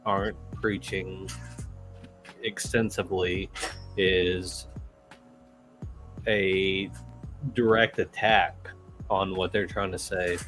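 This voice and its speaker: A man's voice: low voice, little pitch movement, slow pace, pauses often, a bit bright, soft background music. A man co-hosting a casual podcast chat, talking loosely and often searching for his words. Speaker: co-host.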